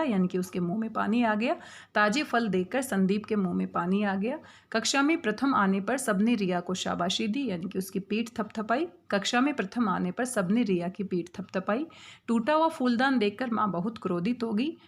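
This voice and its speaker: A woman teaching Hindi grammar to young students, explaining patiently, asking questions and answering them herself. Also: mid-range voice. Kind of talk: exam-prep grammar lesson.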